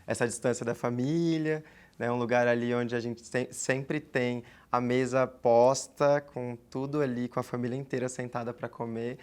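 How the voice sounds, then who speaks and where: A man's voice: medium pitch, fairly even intonation, normal speed, a little mellow, clean tone. Chatty young man in his twenties. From Amazonas, Brazil. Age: 20s. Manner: chatty, reflective, many "né" fillers. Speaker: guest. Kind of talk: casual interview talk.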